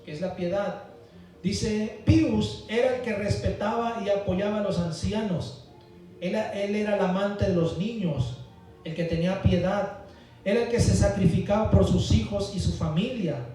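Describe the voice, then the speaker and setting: A man with a high, mellow voice preaches emphatically to his congregation, pausing for amens. He is picked up from a distance in a very echoey church hall, so his words ring around the room. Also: faint music behind. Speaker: pastor. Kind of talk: Sunday school sermon.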